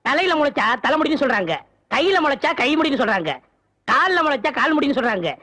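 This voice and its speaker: A whiny, naive village sidekick. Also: male voice, extremely high pitch, sing-song, fast talker, bright, forceful tone, exaggerated voice. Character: naive young village boy asking silly questions. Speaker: comic sidekick in a film comedy.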